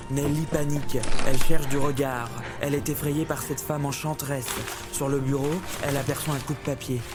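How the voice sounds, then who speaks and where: Man narrating a dramatic tale over music. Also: medium pitch. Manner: measured, dramatic storytelling. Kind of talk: scripted audiobook narration.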